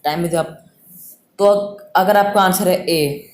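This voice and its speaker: A man's voice: sits high, slow pace. A man teaching a grammar lesson online, patient and repetitive, sounding words out again and again. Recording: echoey room with faint noise.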